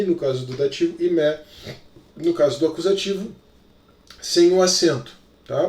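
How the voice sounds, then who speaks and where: Recorded from afar in a room full of echo, a man who teaches Greek delivers an explanatory lesson in a Brazilian Portuguese accent. His pitch is fairly high and his tone darkish, and he leans on frequent small check-in fillers.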